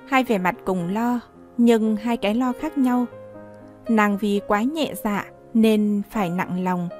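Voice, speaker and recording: A woman narrating a short story for an audiobook in a calm, measured way. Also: medium pitch. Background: faint music.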